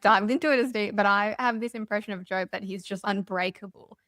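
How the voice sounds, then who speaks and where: A woman hosting a podcast speaks in a mid-pitched voice, conversational and thoughtful as she leads the interview. Her voice sounds close and dry, with no room around it. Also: a little fast, a bit bright, no echo. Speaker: podcast host.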